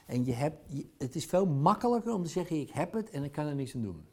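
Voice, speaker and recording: A man's voice: a little high, big pitch swings, quick pace. A man speaking in a blunt, provocative, conversational monologue, dropping in crude words as a speaker or coach. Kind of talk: casual monologue.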